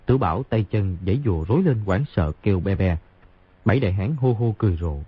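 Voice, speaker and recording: A man narrating a martial-arts novel in an expressive, brisk storytelling way. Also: on the low side, husky, no room sound. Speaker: audiobook narrator. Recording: tinny phone-like sound.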